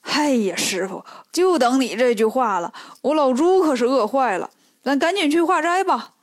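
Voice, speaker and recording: A greedy, always-hungry pig disciple who moans and pleads in a storybook tale, read by a woman. Her voice stays high and dry, with no room sound. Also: animated, normal speed, no room sound. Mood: whiny. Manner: whiny, pleading.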